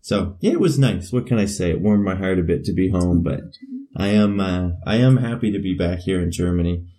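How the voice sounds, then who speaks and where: A man's voice: low-pitched, steady tone, a little fast, warm tone. A man with a Canadian accent chatting casually and loosely as a podcast co-host, often dropping in "you know". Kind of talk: casual chat.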